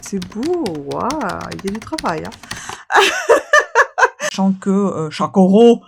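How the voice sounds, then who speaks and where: A woman's voice: mid-range voice, very animated, moderate pace, creaky, mellow, slightly rough. A tired woman vlogger chatting casually, rambling with many fillers and restarts. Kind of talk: casual vlog chat.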